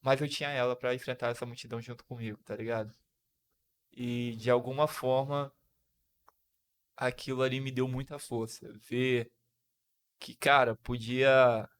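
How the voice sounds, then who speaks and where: A young man from Brazil hosting a podcast, telling a personal story with feeling, full of slang and restarts. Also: mid-range voice. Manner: emotional, slang-filled storytelling with frequent restarts. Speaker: podcast host.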